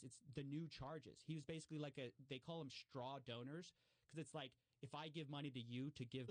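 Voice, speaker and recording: A man talking casually as an interview guest. He explains fraud cases with lots of fillers and restarts, and he jumps higher when he acts out what other people said. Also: no room sound. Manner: animated, acts out quoted remarks with raised pitch. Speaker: guest commentator on fraud stories.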